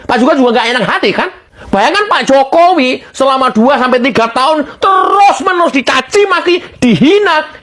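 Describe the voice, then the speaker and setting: A woman delivering heated political commentary in a high, lively voice that leaps up and down. She sounds indignant and mocking, firing questions at the person she criticises. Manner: indignant, mocking, repeatedly addressing her target; laughs scornfully between remarks.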